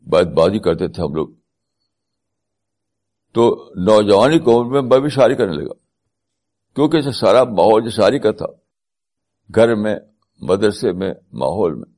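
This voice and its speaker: A man with a somewhat low voice delivers a spiritual talk. He drops English terms into his explanations and repeats key phrases to drive them home. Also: darkish tone. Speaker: religious speaker.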